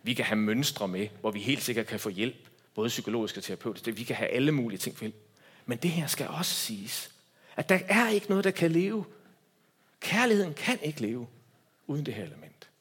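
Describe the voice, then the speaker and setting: A man preaching a sermon as a pastor, swinging between loud emphatic lines and hushed quiet ones. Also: mid-range voice, expressive, slightly rough.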